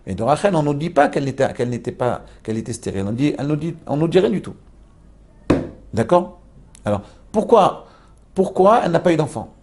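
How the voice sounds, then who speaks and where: A man's voice: fairly high pitch, very animated, a little fast, noisy background. A man teaching a spoken Torah lesson, telling the story with many rhetorical questions to his listeners and restarting phrases as he explains.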